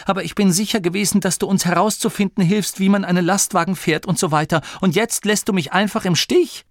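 A man voicing a young, put-upon gnome leader in an audiobook, talking in a rushed, fretful, self-pitying way. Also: a little high, expressive, gravelly, a little mellow, no room sound, clean studio sound, voice pushed up. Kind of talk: audiobook character voice.

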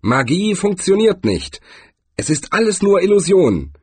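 A man reading a storybook, voicing a zealot from a crowd who speaks in a loud, triumphant way. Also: sits high, very animated, a little slow, husky, dry recording, pitched above the performer's own voice, heavily acted.

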